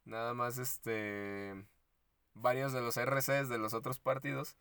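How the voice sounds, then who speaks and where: A man with a Mexican accent co-hosting a podcast, retelling a story in slangy, animated casual chat and acting out the quotes. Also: medium pitch, takes it slowly, clean tone, dry recording. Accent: Mexican Spanish. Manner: frequent laughs and fillers like "este". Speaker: podcast co-host.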